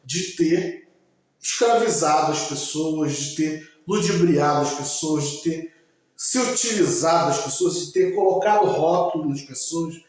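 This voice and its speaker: Slow-speaking man in a very echoey room. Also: a little high, a little mellow. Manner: slow, emphatic, addresses listeners directly. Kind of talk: religious talk.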